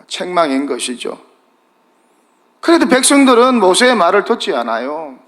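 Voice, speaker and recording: A middle-aged male pastor preaching a sermon, asking the congregation question after question and letting his voice drop low and then rise again. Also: fairly bright tone. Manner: asks the congregation questions, rises and falls dramatically.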